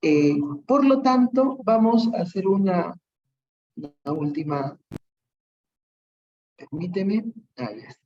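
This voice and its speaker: With a dark, medium-pitched voice and lively intonation, this teacher with a Peruvian Spanish accent speaks slowly, leaving long pauses, while the highs are cut off. It's an online lesson full of patient examples and frequent tag questions to check understanding.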